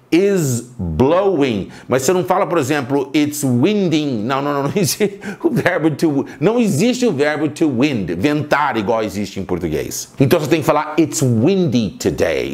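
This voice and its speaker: A man teaching an English lesson in Portuguese, slowly repeating English sentences for learners. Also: mid-range voice, darkish tone. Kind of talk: bilingual language lesson.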